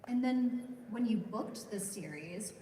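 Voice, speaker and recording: A woman interviewer putting measured questions to a guest at a fan convention. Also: medium pitch, expressive, dark tone, a little hiss or hum. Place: large convention hall. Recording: roomy hall sound, mic from far off, faint crowd ambience.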